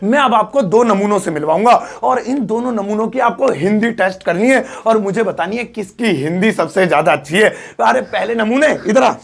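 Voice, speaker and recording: A man's voice: high voice, animated, moderate pace, creaky, hardly any pauses. A young man teaching an English lesson in casual, joking chat. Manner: chatty, joking, playful asides. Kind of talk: casual Hindi video lesson.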